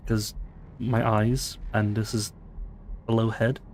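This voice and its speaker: A man's voice: on the low side, flat delivery, takes it slowly, a little mellow, slight background noise. Stammering guy in casual game chat. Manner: hesitant, stammering, repeats words. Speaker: streamer's co-player.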